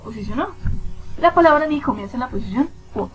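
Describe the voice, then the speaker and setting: A woman's voice: high-pitched, lively intonation, fast talker, soft background music, rough recording. A woman teacher giving a screen-recorded spreadsheet lesson. She asks and answers her own questions and counts positions aloud step by step.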